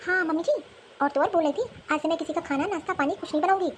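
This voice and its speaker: A woman's voice: very high-pitched, rapid-fire, slight background noise. A woman voicing a sly younger daughter-in-law in a cartoon, with a whiny, gossipy, gleeful manner. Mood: tattling. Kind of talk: cartoon voice acting.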